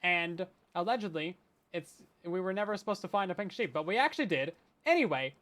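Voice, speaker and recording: Giggly man streaming a game, lively. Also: high-pitched. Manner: giggly and playful, laughs often; chatty, talks to chat while playing. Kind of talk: casual live-stream gameplay commentary.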